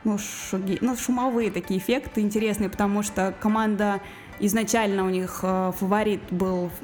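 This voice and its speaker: A woman's voice: mid-range voice, fairly even intonation, moderate pace, a little mellow. A woman guest on a radio show, talking casually about music with lots of fillers and restarts. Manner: hesitant, many fillers and restarts.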